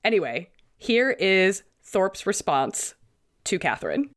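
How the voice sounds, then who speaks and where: A woman's voice: medium pitch, very animated, slow pace, a bit bright. A woman co-hosting a podcast, chatty and self-mocking, her voice still sick. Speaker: podcast co-host. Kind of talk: casual podcast chat.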